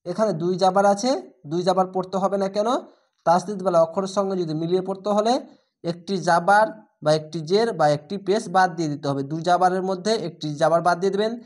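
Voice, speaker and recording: A man with a Bangladeshi accent teaching Quran reading, who spells each letter and vowel mark aloud, then chants the whole word slowly and drawn out. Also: high-pitched, steady tone, darkish tone. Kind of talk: spelling-out recitation lesson.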